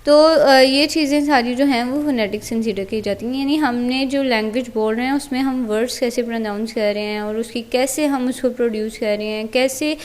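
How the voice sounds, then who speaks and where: A woman's voice: a little high, brisk, hardly any pauses. A woman with a Pakistani Urdu accent teaching a casual lesson, explaining plainly and repeating her points with fillers.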